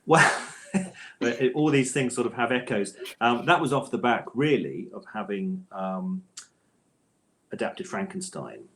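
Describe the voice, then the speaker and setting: A middle-aged man, an author and audio drama scriptwriter, speaks as an interview guest in a mid-range, slightly bright voice at a somewhat slow pace. His answers come out thoughtful and hesitant, and he often rephrases mid-thought.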